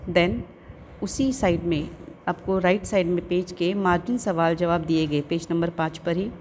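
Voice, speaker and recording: A woman's voice: lowish voice, normal speed, a little mellow, slight background noise. A woman teacher with an Urdu-speaking Indian accent, explaining an English lesson and carefully sounding out English words, repeating each one.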